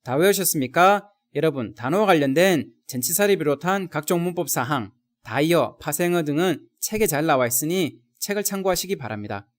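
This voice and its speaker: A man teaching vocabulary in a recorded lesson, speaking straight to viewers and drilling slow example sentences. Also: fairly high pitch, lively intonation.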